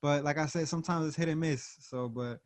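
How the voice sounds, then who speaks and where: A man's voice: a little high, fairly quick, no echo. Laid-back slangy man on a podcast. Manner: laid-back slangy talk with many fillers. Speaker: podcast co-host. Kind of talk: casual chat.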